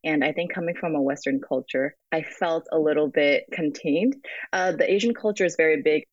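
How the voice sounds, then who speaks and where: A woman's voice: sits low, brisk, no echo. Guest, young American woman, reflective, hesitant, over a dull, dry call line. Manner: reflective, frequent ums and restarts. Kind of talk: remote interview. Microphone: phone app call.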